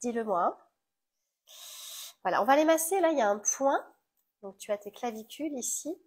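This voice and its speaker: A woman with a French accent guiding a tapping session, gently coaching the listener through each step. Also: a little high, expressive, moderate pace, breathy edge. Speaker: EFT tapping guide.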